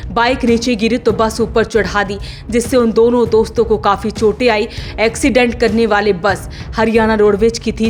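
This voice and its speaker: A woman reading a scripted local news report in a steady, formal manner. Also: on the high side. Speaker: news voice-over narrator.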